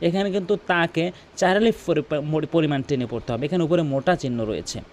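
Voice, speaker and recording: A man with a high voice teaches Quran pronunciation step by step. He repeats words slowly, contrasting the wrong way with the right one, and breaks into drawn-out melodic recitation for his demonstrations. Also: animated, slight background noise. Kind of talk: tajweed lesson with demonstrations.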